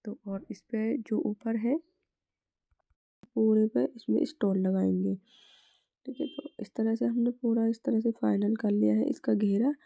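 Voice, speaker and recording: A woman with a hoarse, sore throat, teaching a step-by-step sewing tutorial and repeating her stock phrases as she works. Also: fairly high pitch, level tone, unhurried, dark tone. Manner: repeats "is tarah se" and "theek hai" constantly; drops to a whisper at times.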